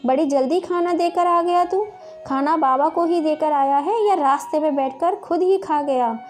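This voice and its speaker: A woman voicing a harsh village stepmother who scolds and taunts the children in a sharp, shouting way. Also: sits high, normal speed, faint music behind, close to an everyday voice. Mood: scolding.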